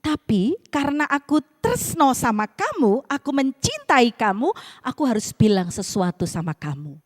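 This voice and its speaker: A small, caring spinach plant speaks earnestly to its proud neighbour, as a woman preacher puts it on. Its pitying tone moves lively up and down. A long church reverb hangs behind it. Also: fairly high pitch, moderate pace.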